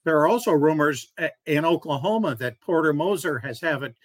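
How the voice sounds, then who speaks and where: Relaxed male sports show host. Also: on the high side, a little fast, no room sound. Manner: relaxed, steers the show to breaks. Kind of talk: casual sports talk.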